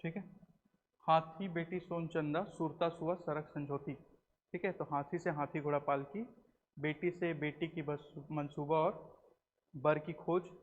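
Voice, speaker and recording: A man's voice: fairly high pitch, steady tone, measured pace. A man, teaching a classroom lecture, quizzing students and repeating their answers. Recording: roomy classroom recording, dull and slightly noisy.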